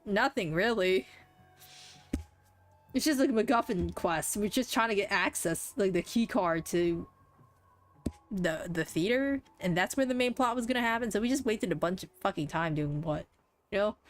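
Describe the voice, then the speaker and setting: A woman's voice: mid-range voice, animated, normal speed, slight background noise. Chatty young woman streaming a game. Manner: chatty, filler-heavy, laughs and swears. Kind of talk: casual gaming commentary.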